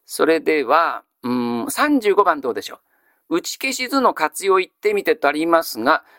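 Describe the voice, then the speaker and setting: A male teacher giving a grammar lesson. He asks a question, then answers it himself in a measured way. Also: on the high side, sing-song, bright, forceful tone, no room sound, studio quality. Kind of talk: classical Japanese grammar lesson.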